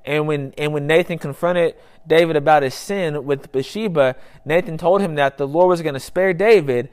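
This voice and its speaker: A man's voice: a little high, normal speed, clear, resonant tone. A young man preaching a sermon in an earnest, conversational way, repeating phrases for emphasis. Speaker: pastor.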